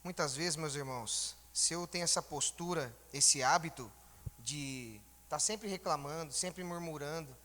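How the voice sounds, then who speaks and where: Brief: male church elder, higher voice, bright tone, informal conversational sermon, reverberant church hall. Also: a little slow. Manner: informal, asks the congregation rhetorical questions.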